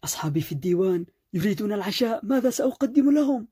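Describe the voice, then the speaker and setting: Brief: worried husband, urgent and pleading, warm mellow voice, read by a man. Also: medium pitch, moderate pace, close to an everyday voice. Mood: shouting. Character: anxious, boastful husband, easily upset.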